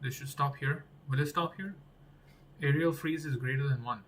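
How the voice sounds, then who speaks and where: Working through game code aloud, a young game developer, not a native English speaker, repeats words and trails off while recording his vlog. He talks at normal speed in a medium-pitched, fairly bright voice over slight background noise.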